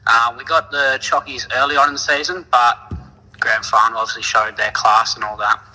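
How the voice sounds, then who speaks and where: Blokey Australian man, harsh bright voice. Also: mid-range voice, level tone, brisk, big-room sound, poor audio. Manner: blokey, slangy. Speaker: club cricketer phoning in as interview guest. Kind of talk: casual, laid-back Aussie bloke chat.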